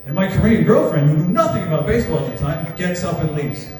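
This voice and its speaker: A man's voice: on the high side, lively intonation, fast, darkish tone. A man doing a crude, self-mocking stand-up set, telling stories and laughing along. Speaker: stand-up comedian. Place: large hall with live audience. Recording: echoey hall, from far off.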